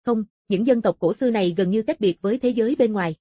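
Curious man who explains old ruins, thoughtful, read by a woman narrator, husky, audiobook. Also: a little high, fast talker, dark tone, no echo, clean studio sound. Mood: musing. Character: curious adult male former lawyer turned ruins explorer.

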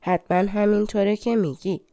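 A woman's voice: mid-range voice, steady tone, gravelly, warm tone, dry recording, studio quality, natural voice. A woman voicing a nosy old woman in a storybook tale, speaking with a sly, teasing lilt.

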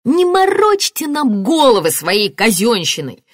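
A woman's voice: mid-range voice, sing-song, normal speed, no room sound, studio quality, voice pushed up. A woman voicing a furious grieving father. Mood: bitter. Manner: shouting, raging.

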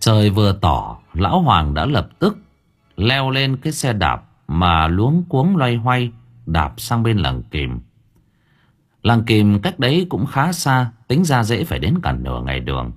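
A man narrating a horror story in a dramatic, expressive way. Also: fairly low pitch, unhurried. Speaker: audiobook narrator. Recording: faint background music.

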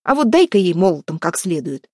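A woman voicing a hot-tempered village man with a hoarse, gruff way of barking orders. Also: lowish voice, big pitch swings, fairly quick, darkish tone, no room sound, clean studio sound. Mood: agitated.

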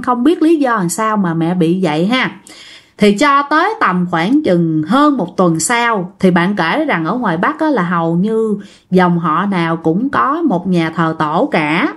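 Lively woman telling ghost stories. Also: medium pitch. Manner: chatty, addresses listeners directly. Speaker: storyteller. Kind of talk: casual ghost story narration.

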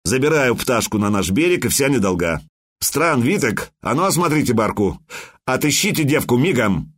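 A man voicing a brutal bald soldier who barks rough, threatening commands. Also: medium pitch, very animated, normal speed, a bit bright.

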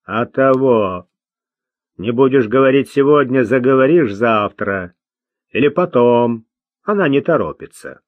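Calm commanding man, curt and unhurried, as a male reader puts him on. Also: mid-range voice, no echo, narrow, tinny audio, close to an everyday voice. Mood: calm, stern.

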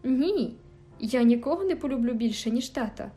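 A woman's voice: on the high side, animated, normal speed, mellow, lightly acted. Woman voicing a fiery teenage girl. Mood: indignant. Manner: emphatic, indignant outbursts. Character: spirited teenage girl, quick-tempered but tender. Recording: faint background music.

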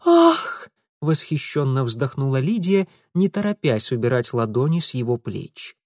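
Brief: male reader, audiobook, animated pitch, dry close mic. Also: normal speed, dry recording. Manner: expressive storytelling. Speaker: narrator. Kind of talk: audiobook narration.

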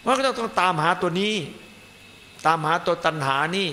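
A man's voice: high voice, animated, normal speed, bright, forceful tone. A man, a Buddhist monk teacher, giving a dharma talk and stressing points by piling up repeated phrases. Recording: echoey hall, faint noise.

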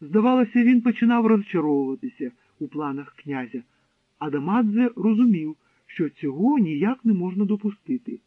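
A man narrating an audiobook in a steady, measured storytelling voice. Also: high-pitched, no room sound. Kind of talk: scripted narration. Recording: dry, tinny narrow-band sound.

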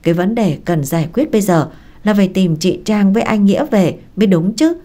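A woman voicing a gentle young village girl who pleads and soothes. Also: mid-range voice, animated, a little fast, close to an everyday voice. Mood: pleading.

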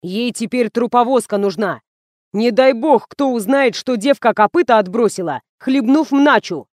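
A woman reading the part of a young advertising manager who coaxes, then shouts and panics. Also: a little high, normal speed, no echo, studio quality, lightly acted. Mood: panicked. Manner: bossy, then loud and panicky.

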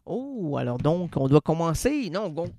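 A man's voice: on the high side, big pitch swings, measured pace, dark tone, no echo. A man hosting a bantering comedy sketch, mixing playful jokes with mock-solemn recitations.

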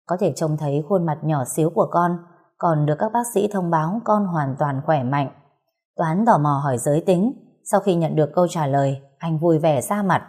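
A woman narrating a romance story as an audiobook reader, in a calm, steady way. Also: sits low, normal speed, slightly rough. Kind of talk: scripted narration.

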